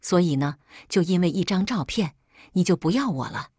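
A woman's voice: fairly low pitch, lively intonation, moderate pace, a little mellow, breathy edge, no echo, studio quality. A woman reading the lines of a hurt, demanding young boyfriend in an audio story, accusing and pleading.

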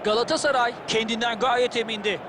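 An enthusiastic, opinionated football game pundit with a high voice. He analyses the match in flowing sentences while a loud crowd roars behind him. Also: fairly even intonation, a little fast. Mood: impressed. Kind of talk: football video game colour commentary. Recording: loud stadium crowd and noise. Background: roaring football crowd.

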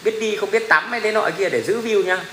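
A man's voice: sits high, a little fast, pushed and bright. Blunt, foul-mouthed man. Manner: blunt and profane, laughs often, mimics commenters. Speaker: livestream host. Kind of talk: casual rambling livestream talk. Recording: echoey room with faint ambient noise.

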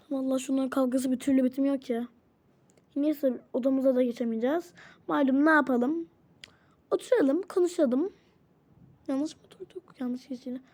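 A woman casually role-playing a doll game, switching between characters and exclaiming often. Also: high-pitched. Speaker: channel host playing all characters.

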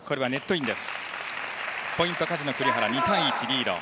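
Guy doing lively play-by-play on a badminton match, voice swings up and down, big noisy crowd behind. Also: medium pitch, fast. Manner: lively play-by-play calling, asks the analyst questions. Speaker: play-by-play commentator. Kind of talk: sports commentary. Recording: broadcast over loud arena crowd and noise.

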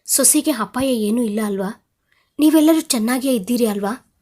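A woman's voice: a little high, normal speed, darkish tone, lightly acted. A woman voicing an anxious older father who questions his family in alarm. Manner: alarmed, then angry.

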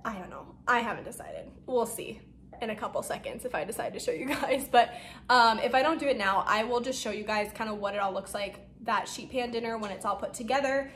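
A woman's voice: fairly high pitch, fairly quick, fairly bright tone. A young woman chatting casually through her meal prep, rambling with lots of fillers and a bit out of breath. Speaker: vlogger. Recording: echoey room with faint noise.

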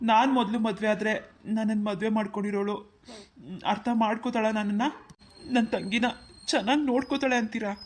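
Woman voicing a cartoon young man, gentle, sad, soft-spoken, grateful. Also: mid-range voice, steady tone, fairly quick, pauses often, a little hiss or hum, lightly acted. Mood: sorrowful. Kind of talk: cartoon voice acting.

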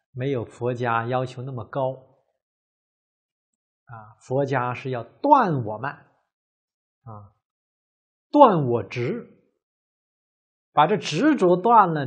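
A man giving a measured Buddhist dharma lecture, drawing out his phrases and filling pauses with many drawn "ah" sounds. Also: medium pitch, slightly rough.

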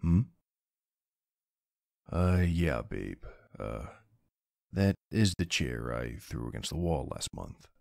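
A man's voice: extremely low pitch, expressive, slow, creaky, pauses often, a little mellow, no room sound, clean studio sound, exaggerated voice. A man playing a young streamer boyfriend in a role-play, chatting casually in a playful, teasing, easily flustered and affectionate way. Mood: flustered, defensive. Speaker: roleplay voice actor.

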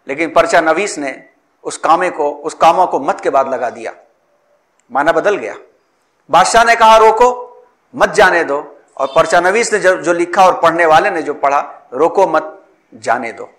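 A man giving a formal history lecture in measured, elaborate phrasing, sometimes restarting words mid-sentence. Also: fairly high pitch, fairly bright tone.

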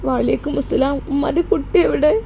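A woman's voice: high voice, fairly quick, dark tone, slight background noise, lightly acted. A woman voicing a loving, anxious older mother in a spoken story, tender and pleading, with a Malappuram Malayalam accent. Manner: tender, pleading, calls her daughter dear.

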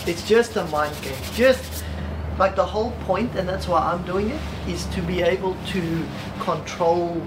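A man's voice: high-pitched, a little slow. A young man talking casually as a host and coach, recorded outdoors a little way from the camera. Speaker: host coaching a guest through an ice bath. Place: outdoor covered backyard patio. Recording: outdoor background noise, distant mic.

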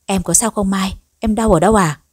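A woman's voice: mid-range voice, fairly quick, darkish tone, slightly rough, no echo, studio quality, close to an everyday voice. A woman voicing an earnest young husband. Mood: worried. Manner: earnest, firm but respectful.

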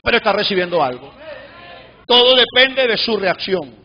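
A man preaching a fervent sermon, swinging from loud shouted peaks down to a low murmur. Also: very animated, moderate pace, highs cut off, slight background noise. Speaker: pastor. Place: church sanctuary.

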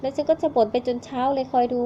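A woman's voice: high-pitched, steady tone, quick pace, warm tone, a little hiss or hum, close to an everyday voice. A woman voicing a petulant, hot-tempered young male actor in a storybook reading, on a slightly muffled recording. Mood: angry. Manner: petulant, complaining.

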